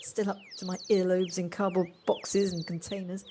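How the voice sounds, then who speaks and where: A woman voices Jocelyn, a polite, warm, slightly hesitant and well-spoken woman settling into a house, in an audio play recorded at home. Her voice sits on the low side and is level, warm and close to everyday speech, at a moderate pace, with a friendly, polite mood. It was captured on a personal device with faint noise.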